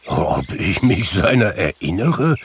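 A man's voice: lowish voice, lively intonation, takes it slowly, creaky, slight background noise, exaggerated voice. A man voicing a frightened, remorseful old miser who talks in hesitant, stumbling pleas. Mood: pleading, moved.

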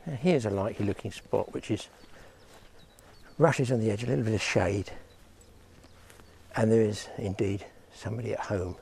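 A man's voice: lowish voice, normal speed, vocal fry, long pauses, darkish tone, a little hiss or hum. A man vlogging outdoors by a lake, chatting straight to his viewers as he fishes. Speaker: fishing vlogger. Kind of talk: casual outdoor commentary.

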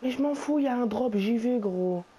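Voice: mid-range voice, fairly quick, warm tone, husky, rough recording. A young gamer bantering casually and bossily in French suburban street slang during a game. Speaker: video game player recording gameplay.

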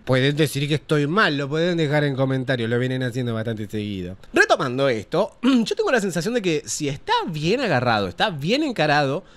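A man's voice: a little high, big pitch swings, brisk, few pauses, fairly bright tone. A man with an Argentine Spanish accent hosting a casual news commentary show, opinionated and profane. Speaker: show host.

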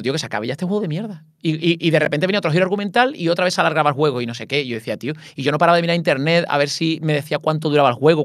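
Guy streamer on a call, talks super fast, fairly high voice, dry sound, lots of swearing. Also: no echo. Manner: swearing, animated and self-mocking. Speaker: streamer and interview guest. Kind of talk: casual interview chat.

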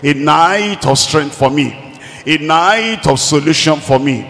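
Slow, emphatic preacher in a reverberant hall. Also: male voice, a little high, animated, fairly bright tone. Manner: repeats phrases for emphasis. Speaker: pastor. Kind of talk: sermon.

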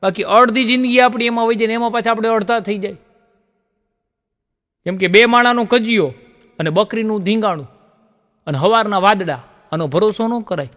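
Male folk comic, high voice, long hall reverb. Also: brisk, long pauses, a bit bright. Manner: jokey storyteller, laughs at own punchlines. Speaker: comedian. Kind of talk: Gujarati folk comedy storytelling.

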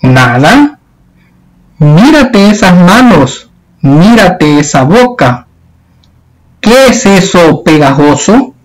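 A male teacher reading a stern old aunt's scolding lines from a storybook, slow and drawn out. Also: high voice, expressive, rough recording.

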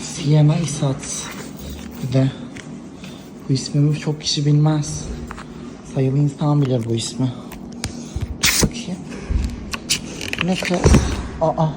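A social media personality talks to her followers in casual phone story clips, dramatic and gushing, calling them princesses and girls. Her low voice has fairly even intonation and a measured pace with long pauses, and the audio is very noisy.

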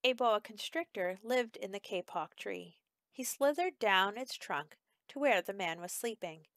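A woman teacher reading a picture book aloud for her class, expressive and measured. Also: medium pitch, no room sound. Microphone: close home recording.

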